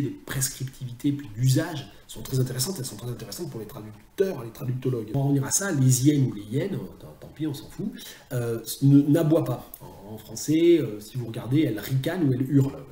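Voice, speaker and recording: A man's voice: medium pitch, animated, quick pace, warm tone, reverberant. A man teaching translation in a recorded video lecture, chatty and self-mocking, often drifting into asides.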